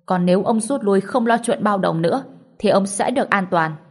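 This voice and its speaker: A woman's voice: medium pitch, a little fast, breathy edge. A woman voicing a wounded, defiant male sect elder who makes threats. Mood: threatening.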